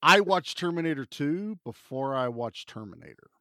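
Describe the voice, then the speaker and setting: A man's voice: fairly high pitch, expressive, normal speed, sharp tone, no room sound, clean studio sound. A man co-hosting a podcast, an enthusiastic and rambling storyteller. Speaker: podcast co-host. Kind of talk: casual chat.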